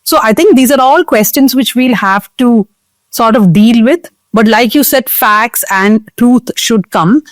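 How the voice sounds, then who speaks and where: A woman's voice: on the high side, measured pace, no echo. A woman with a South Indian English accent hosting a news discussion in an earnest, explanatory, conversational way. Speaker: host of a current affairs discussion show.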